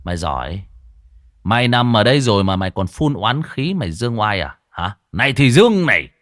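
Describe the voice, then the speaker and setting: A man playing a stern young exorcist from a spoken ghost story, growling low, menacing threats. The delivery is lively in pitch and recorded dry and close. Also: normal speed, dry recording, full character voice.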